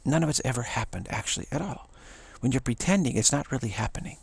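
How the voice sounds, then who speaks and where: On an action camera recording, an older man who teaches spirituality rambles on, stumbling over and repeating words and chuckling often. His mid-range voice is gravelly and husky with lively intonation, and the recording is dry.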